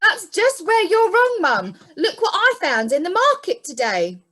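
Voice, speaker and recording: A very high, bright voice that swings freely in pitch, a woman playing a lovestruck young pantomime lad. The delivery is eager, earnest and exaggerated. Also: wildly swooping pitch, measured pace, exaggerated voice. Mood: earnest, protesting. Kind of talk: comic pantomime acting.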